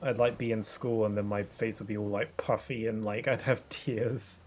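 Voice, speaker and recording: A man's voice: fairly low pitch, fairly even intonation, moderate pace, darkish tone, slight background noise. A young man chatting casually while streaming a game, rambling with restarts and laughs. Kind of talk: casual gameplay commentary.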